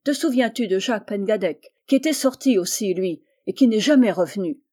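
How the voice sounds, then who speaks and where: A woman voicing a menacing, mutinous male fisherman who taunts slowly and shouts, in a story reading. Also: medium pitch, natural voice.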